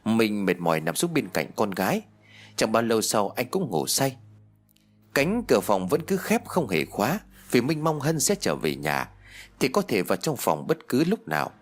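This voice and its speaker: A man narrates a ghost story audiobook with expressive storytelling. His low voice is husky and moves lively in pitch. Faint music plays under him. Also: normal speed.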